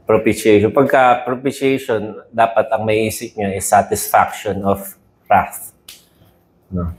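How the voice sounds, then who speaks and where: A man with a Filipino accent preaching a sermon in a lively, conversational way, mixing in English and checking in with "no?" and "di ba?" as he goes. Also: mid-range voice. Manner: animated, conversational Taglish with frequent "no?" and laughs.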